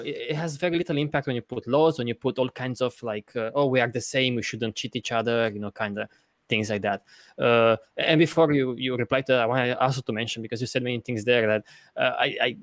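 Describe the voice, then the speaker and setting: A man from Romania, arguing his point earnestly in a casual podcast discussion, often halting to rephrase. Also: medium pitch, no room sound, studio quality. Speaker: podcast host.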